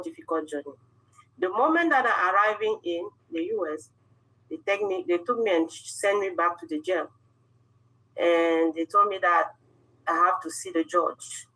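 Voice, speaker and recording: A middle-aged woman from Cameroon tells her story over a video call in an earnest, measured way. Her voice sits fairly low yet sounds bright and forceful. She lets pauses carry the weight of each step. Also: poor audio. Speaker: guest speaker. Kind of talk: personal testimony on a video call.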